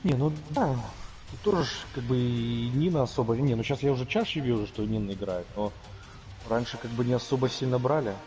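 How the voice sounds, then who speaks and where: Man, dark mellow tone, medium pitch, halting casual gamer chat, game music behind. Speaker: gamer, co-player.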